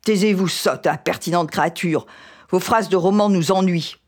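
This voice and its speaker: A woman's voice: fairly low pitch, moderate pace, darkish tone, close to an everyday voice. A woman reading as an enraged old colonel. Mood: angry. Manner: blustering, insulting, indignant questions. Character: domineering older male army colonel, furious. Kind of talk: reading a novel aloud.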